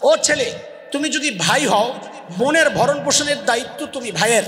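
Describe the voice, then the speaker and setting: A male preacher gives a loud waz sermon. He quizzes the crowd and has them shout the answers back. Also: very high voice, animated, moderate pace. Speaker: Islamic preacher. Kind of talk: Bengali waz sermon with call-and-response. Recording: long echoey reverb of a big space.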